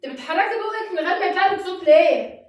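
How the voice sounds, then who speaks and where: Very high, rapid Egyptian mother, echoey. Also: animated. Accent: Egyptian Arabic. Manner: insistent, scolding questions. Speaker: mother in family prank. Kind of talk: casual family chat. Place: family home, indoors. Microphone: ceiling camera from afar. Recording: very echoey room from far off.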